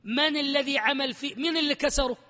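A man teaching a grammar lesson, animated and emphatic, who keeps quizzing his class. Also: extremely high pitch, fast talker, in a large hall.

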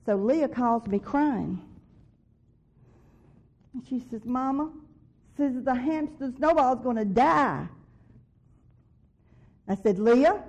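Her voice is a little high, with a darkish tone and a breathy edge, as this woman earnestly testifies about her faith. Repeating what she believes God told her, she grows emphatic, and the recording is dull and lo-fi.

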